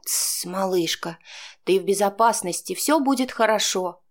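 Woman reading as kind worried girlfriend, soft half-whisper, calming, slow. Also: mid-range voice, natural voice. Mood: soothing. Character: caring female friend, gentle and worried.

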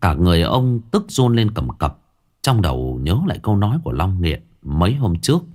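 A man narrating a ghost story in a dramatic, expressive reading style. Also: low-pitched, a little fast.

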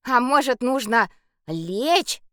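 A woman's voice: on the high side, expressive, takes it slowly, sharp tone, smooth, no echo, studio quality, voice pushed up, exaggerated voice. A woman voicing a mischievous, giggly werewolf boy in a storybook reading, teasing and eager.

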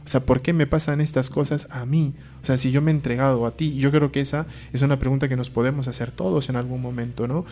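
A man's voice: medium pitch, fairly even intonation, quick pace, few pauses, darkish tone, soft background music. A man, a priest giving a conversational talk on faith, asking rhetorical questions and acting out short dialogues. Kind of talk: conversational preaching.

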